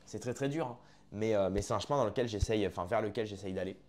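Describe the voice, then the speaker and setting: A man's voice: fairly low pitch, fast talker, darkish tone. Chatty man commenting casually to viewers. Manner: chatty, addresses viewers as friends, hesitant with restarts. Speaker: online commentator.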